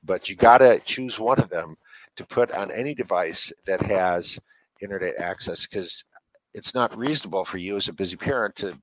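A man's voice: sits low, normal speed, low-quality recording. A man who writes and speaks about parenting, answering interview questions in an earnest, instructive way with frequent fillers. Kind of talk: interview answers giving advice.

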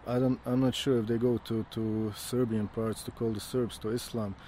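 A man explaining things casually as a local guide, a little haltingly, repeating words. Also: medium pitch, flat delivery, warm tone. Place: outdoors in a town street. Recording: faint outdoor street and traffic noise.

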